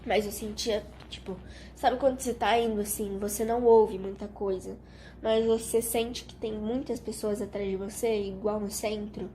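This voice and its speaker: A young woman giving an emotional personal testimony to her mother, halting and repeating words, her voice dropping away at the ends of phrases. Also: medium pitch, fairly even intonation, warm tone, slight background noise.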